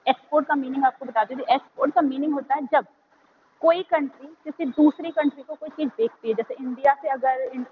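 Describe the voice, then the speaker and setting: A school teacher with an Indian accent and a high voice gives children a vocabulary lesson, spelling each word letter by letter before explaining it slowly. The recording is muffled and lo-fi, with a faint hiss behind it.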